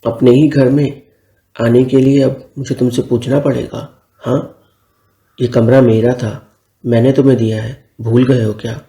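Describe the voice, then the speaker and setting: A man's voice: medium pitch, flat delivery, measured pace, dark tone, lightly acted. A man voicing an emotional young woman, an elder sister about to marry, talking in a hurt, pleading and scolding way. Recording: roomy echo.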